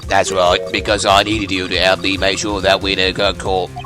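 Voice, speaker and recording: Music plays in the background as a man, speaking at normal speed in a low, monotone, pushed-down voice, taunts as a smug phone caller. The voice is run through a voice changer over a phone line, part of a fan voice-over for a game.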